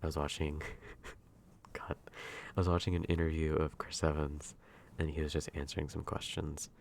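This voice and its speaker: A man speaking softly and intimately, close in a soft voice, in a drifting, hesitant ASMR ASMR role-play ramble. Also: rumbling low, flat delivery, moderate pace, creaky, a little hiss or hum. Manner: hushed, intimate, near-soft voice at times.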